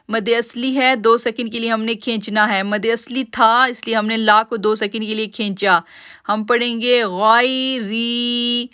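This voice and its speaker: A woman teaching Quranic recitation rules, drawing out each word slowly to demonstrate it, then explaining the rules and addressing her listeners as sisters. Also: fairly high pitch, bright, forceful tone, clean tone. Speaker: tajweed teacher. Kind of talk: online Quran recitation lesson.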